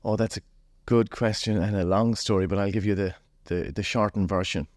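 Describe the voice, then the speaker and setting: A man's voice: on the low side, fairly even intonation, brisk, darkish tone, dry recording, studio quality. A man of forty with a West of Ireland accent, telling his story casually as an interview guest. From Galway, west of Ireland.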